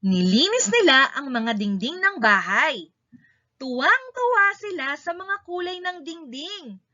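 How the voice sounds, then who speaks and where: A Filipino woman with a very bright, high voice reads to children in short, punchy sentences, her pitch swinging widely and her pace slightly slow. The recording has a somewhat muffled, lo-fi quality.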